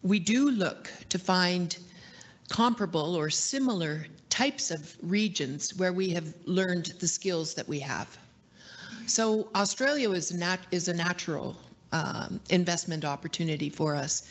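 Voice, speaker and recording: Woman, executive, meeting host, fairly low voice, measured, gracious, slows for emphasis. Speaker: company executive chairing a shareholder meeting. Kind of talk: formal speech, then live Q&A. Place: meeting hall.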